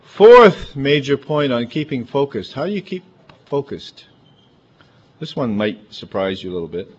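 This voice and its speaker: In a sing-song, mid-range voice at a measured pace, a pastor delivers a conversational sermon that keeps drifting into asides. His manner is big and emphatic. A dull lo-fi recording captures it.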